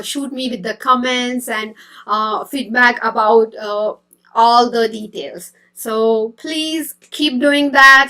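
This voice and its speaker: A woman hosts a casual live stream, her voice sitting a little above the usual range. She talks in a friendly, chatty way, pausing often with ums and uhs and restarting sentences. She greets viewers by name as she goes. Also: on the high side, pushed and bright. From India. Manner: chatty and hesitant, many fillers and restarts. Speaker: host of a healthy-eating live stream.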